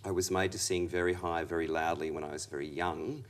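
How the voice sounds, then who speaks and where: A man, a vocal coach, talking through his story in a relaxed interview, thoughtful and rambling with restarts. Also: sits low, brisk. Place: acting studio.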